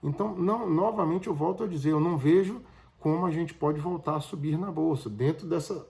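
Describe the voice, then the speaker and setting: A man's voice: a little high, a little fast, gravelly, a little mellow. A man from Bahia, giving market commentary to his viewers in loose spoken phrases with frequent tag questions. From Bahia, Brazil. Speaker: finance video host.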